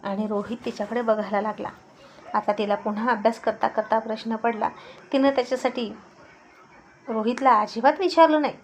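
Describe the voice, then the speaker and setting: A woman storyteller reading a scripted story in an even, descriptive way, with faint background noise. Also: a little high, fairly quick. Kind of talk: scripted narration.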